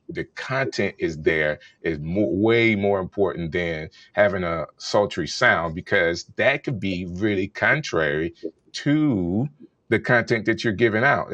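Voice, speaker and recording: Man, very low voice, dry sound, measured advice, casual video chat. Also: fairly bright tone, no room sound. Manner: measured, advising tone.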